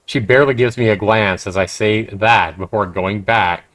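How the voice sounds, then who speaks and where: This man is livestreaming a game, reading text aloud and commenting with chatty emphasis. He has a lowish, slightly bright voice and speaks at a moderate pace.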